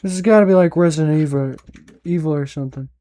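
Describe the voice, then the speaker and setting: Young male streamer with a soft-edged, mellow voice. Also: fairly high pitch, quick pace. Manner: playful, sweary. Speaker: game streamer. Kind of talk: casual live gameplay reaction.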